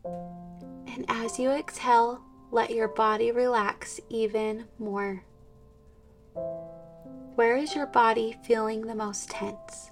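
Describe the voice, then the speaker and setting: Soft slow woman guiding meditation. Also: a little high. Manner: slow, soft, soothing, drifting into whispers. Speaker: meditation guide. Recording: distant mic with soft instrumental music.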